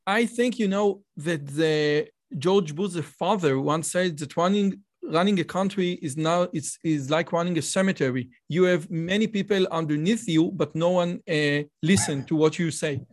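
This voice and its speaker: A man's voice: a little high, moderate pace, few pauses. A man with an Israeli accent hosting an interview, posing questions chattily and laughing between points. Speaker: podcast host.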